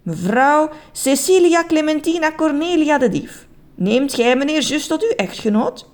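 A woman's voice: sits high, expressive, a little slow, a little mellow, voice pushed up. A woman voicing a solemn male officiant in a children's story, who speaks in a ceremonious, sing-song way. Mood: ceremonial. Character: solemn male officiant, a know-it-all creature.

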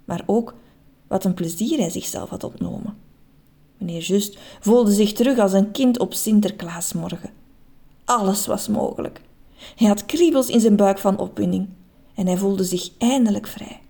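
A Flemish woman reading a children's story aloud, expressive and lively. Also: medium pitch, normal speed, gravelly.

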